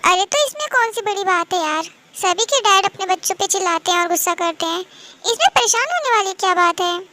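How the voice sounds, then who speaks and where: A woman's voice: very high-pitched, animated, a little fast, bright, forceful tone, exaggerated voice. A woman voicing an easygoing young best friend who talks casually and reassures in a fan-dub audio drama. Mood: reassuring.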